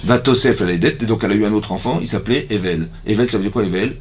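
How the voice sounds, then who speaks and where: A man, a rabbi giving a lively Torah lesson to a women's class. He keeps asking his listeners questions and acts out the dialogue. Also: on the low side, racing. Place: community hall.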